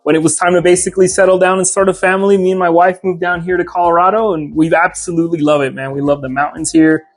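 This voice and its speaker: An easygoing Mexican hat maker and shop owner talks fast in a fairly high voice during a casual interview. He's relaxed, drops many "uh" fillers, and lays out his craft step by step while soft music plays underneath.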